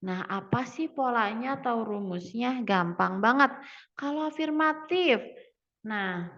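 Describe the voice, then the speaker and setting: A woman's voice: on the high side, expressive, takes it slowly, fairly bright tone, muffled recording. A young woman from Indonesia, a student teacher giving an English grammar lesson, who explains patiently and switches between Indonesian and English. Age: young adult.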